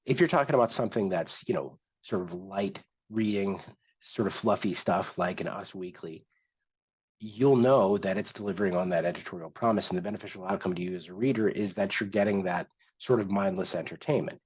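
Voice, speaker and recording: Deep-voiced and a little fast, with a breathy edge, a man guides an instructional screen-share workshop step by step. He speaks conversationally and restarts now and then, and the recording sounds dull and lo-fi.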